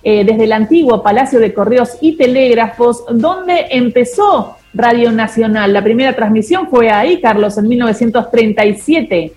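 A woman's voice: on the high side, normal speed, hardly any pauses, a little hiss or hum. A woman with an Argentine accent, hosting a radio show in casual on-air chat and running through the lineup of the day. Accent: Argentine Spanish. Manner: lively, announcing a program lineup. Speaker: radio host. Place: radio studio. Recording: roomy studio echo.

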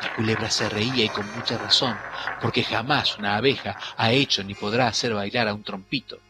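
A man narrating a children's fable in an expressive, dramatic storybook reading. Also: on the low side, fairly quick, noisy background. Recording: faint music behind.

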